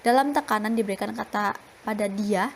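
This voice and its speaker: A young woman presenting a university phonetics class talk, reading her slides in a steady, explanatory way. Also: mid-range voice, brisk, a little hiss or hum. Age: young adult. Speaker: student presenter.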